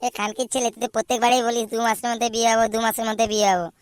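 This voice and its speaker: A woman voicing a teasing, foul-mouthed young man in a cartoon, loud and mocking. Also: mid-range voice, little pitch movement, fast talker, no echo, lightly acted. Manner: loud mocking banter with swearing. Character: mocking young male friend, crude and teasing. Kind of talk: cartoon voice acting.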